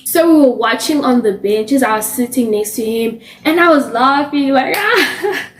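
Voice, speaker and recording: A young woman from South Africa telling a casual storytime vlog, animated and acting out the quoted lines. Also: on the high side, normal speed. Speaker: vlogger. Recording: roomy with faint music behind.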